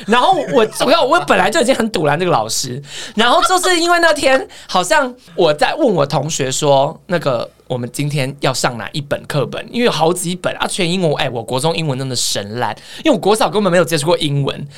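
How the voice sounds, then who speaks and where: A woman's voice: low-pitched, fast talker, hardly any pauses. A young woman with a Taiwanese Mandarin accent, co-hosting a podcast and telling a story with lots of energy. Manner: animated storytelling. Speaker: podcast co-host. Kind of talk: casual chat.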